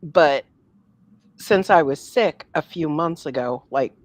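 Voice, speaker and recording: A woman's voice: low voice, takes it slowly. A woman co-hosting a casual talk show, speaking frankly and bluntly in informal language. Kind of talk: casual chat.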